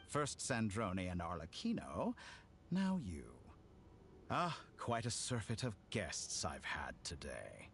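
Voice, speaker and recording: An actor playing a smug, theatrical villain scientist in a video game, polite yet mocking and grandiloquent. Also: male voice, on the low side, slight background noise, exaggerated voice. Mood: mock welcoming.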